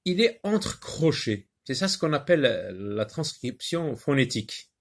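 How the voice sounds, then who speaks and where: A man teaching a phonics lesson to young children, slowly sounding out and repeating syllables, with frequent hesitations and short asides in another language. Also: medium pitch, big pitch swings. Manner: slow, repeats words and syllables, explains in French with short Arabic asides; hesitant, many pauses and fillers.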